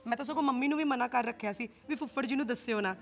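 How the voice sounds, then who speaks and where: A woman's voice: on the high side, racing, vocal fry. An actress playing a chatty young woman teasing her cousin about an unanswered phone.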